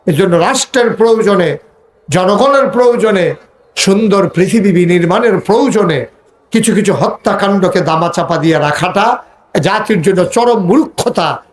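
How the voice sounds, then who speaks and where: A man preaching a sermon to a crowd, rousing them with call-and-response and chanted, drawn-out passages. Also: high-pitched, expressive, reverberant. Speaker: Islamic preacher.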